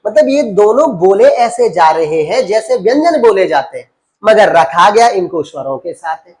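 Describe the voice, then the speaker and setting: A man's voice: high-pitched, sing-song, normal speed, a little mellow. A man teaches a grammar lesson in a patient, drilling way. He keeps asking his students questions and answering them himself, and repeats each key term again and again. He calls them "beta". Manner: addresses students as beta and babu.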